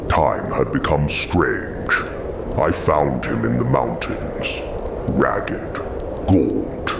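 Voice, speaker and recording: A man playing a tormented, brooding, eloquent monster in an audio drama, with a gravelly voice and slow, solemn, halting speech. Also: heavy background noise, full character voice. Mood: haunted, mournful. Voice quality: very deep gravelly voice, often breathy.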